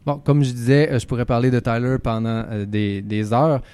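A man with a Quebec French accent hosting a radio show, relaxed and teasing, with hesitant fillers. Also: mid-range voice, normal speed, over loud music. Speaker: radio host. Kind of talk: casual radio chat.

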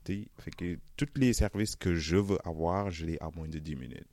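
A young man from Senegal with a Senegalese French accent softened by Canadian French, chatting easily in an interview and laughing often. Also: sits low, a little fast, creaky, dry recording. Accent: Senegalese French, softened toward Canadian French. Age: young adult. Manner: relaxed, chatty, laughs often, many "euh" and "tu sais". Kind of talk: casual interview.

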